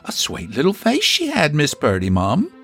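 A man voicing a gossipy old Irish housekeeper who speaks with an Irish accent in a husky, admiring way. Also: fairly high pitch, huge pitch swings, moderate pace, a bit bright, soft background music, voice pushed up, heavily acted.

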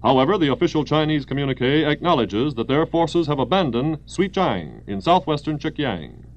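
A man's voice: on the high side, big pitch swings, normal speed, highs cut off. An American man reading formal, declamatory wartime news bulletins as a 1940s radio newscaster, in an old newsreel manner.

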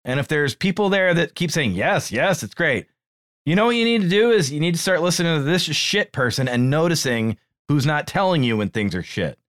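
A man co-hosting a podcast in casual chat, telling profane, animated stories and mimicking people. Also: fairly high pitch, fairly quick, hardly any pauses. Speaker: podcast co-host.

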